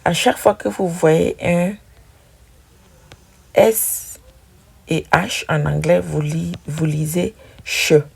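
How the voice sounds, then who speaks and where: Slow, gravelly-voiced woman teaching pronunciation. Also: on the low side, fairly even intonation, darkish tone. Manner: slow, patient, repeating sounds for drilling. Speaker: English teacher. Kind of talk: pronunciation lesson.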